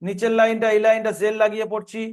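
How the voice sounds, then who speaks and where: Male Quran reading teacher, high voice, patient, spells out letters slowly and repeats rules. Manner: repeats rules in a steady chant. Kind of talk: recorded online lesson.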